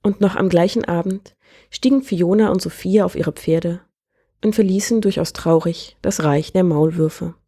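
A woman reading a fairy tale aloud in a calm, measured way as the storyteller. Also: fairly low pitch, no room sound, studio quality. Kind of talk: scripted fairy-tale narration.

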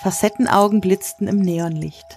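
A woman reading a story aloud in a measured storytelling manner. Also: medium pitch, fairly even intonation, darkish tone, faint music behind. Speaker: narrator. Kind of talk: scripted narration.

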